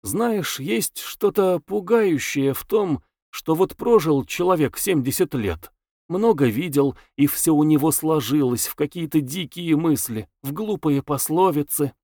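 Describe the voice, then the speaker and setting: Man reading as tired ironic young wife, soft and musing, slightly raised pitch, lively intonation, dry sound. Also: normal speed, no echo. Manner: soft, thoughtful, wryly ironic. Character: weary, ironic young wife, quiet and reflective. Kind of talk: audiobook character voice.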